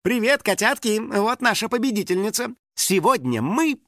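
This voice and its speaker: A man's voice: sits high, animated, moderate pace, bright, forceful tone, no echo, clean studio sound, voice pushed up, exaggerated voice. A man voicing a haughty, bossy teenage girl influencer in an audiobook. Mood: showy. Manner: bossy, dismissive, showy. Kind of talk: audiobook character voice.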